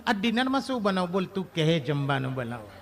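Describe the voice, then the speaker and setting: A man's voice: a little high, sing-song, fast. A man voicing a fussy, nagging middle-aged housewife who keeps asking what to cook and wear, in a whiny, questioning way.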